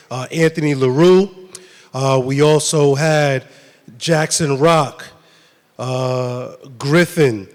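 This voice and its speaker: A man who coaches football, giving a casual, halting speech full of ums at an awards night. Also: a little high. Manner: casual, halting, many fillers. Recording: reverberant hall.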